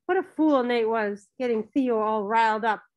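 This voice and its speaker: A woman narrating a children's novel in a gentle storytelling manner. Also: fairly high pitch, moderate pace, highs cut off. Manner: gentle storytelling, briefly voicing characters. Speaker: audiobook narrator.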